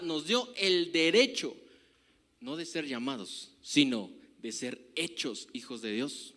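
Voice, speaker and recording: A man with a Mexican Spanish accent preaching a sermon as pastor, emphatic and rising to loud declarations, often asking the congregation to agree. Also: high voice. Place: church hall. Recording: live hall reverb.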